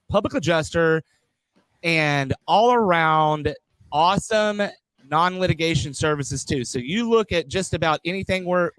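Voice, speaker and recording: A man in a podcast studio runs through sponsors and welcomes his guest with a lot of energy, stumbling over his words now and then. His somewhat high voice sounds dry and close, with almost no room echo. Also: a bit bright. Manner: hype-driven, repeats words, stumbles on them. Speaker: podcast host. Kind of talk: podcast hosting, reading sponsor mentions.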